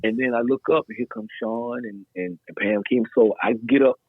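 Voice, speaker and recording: A middle-aged man, a guest DJ, telling a story in a loose, animated way, full of slang and fillers. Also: medium pitch, normal speed, vocal fry, husky, no echo. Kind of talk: casual storytelling in a podcast interview. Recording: dry, tinny phone-like sound.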